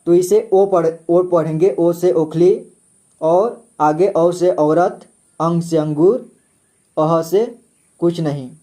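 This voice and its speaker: Male teacher, slightly high mellow voice, slow and patient alphabet drill. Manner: slow, patient, repeats each letter several times. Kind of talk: slow step-by-step alphabet lesson.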